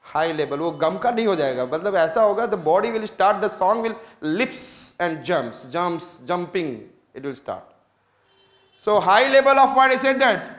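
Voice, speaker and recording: A man's voice: high voice, expressive, takes it slowly, a bit bright, reverberant. A man with an Indian accent giving a classroom lecture, switching between English and Hindi and constantly quizzing his students with repeated questions. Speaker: teacher.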